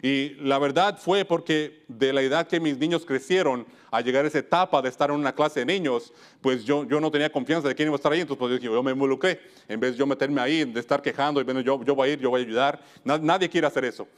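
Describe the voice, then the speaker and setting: A man's voice: mid-range voice, quick pace. A man from Wisconsin preaching a church sermon, earnest, often stopping to restart and correct himself mid-phrase. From United States (Wisconsin).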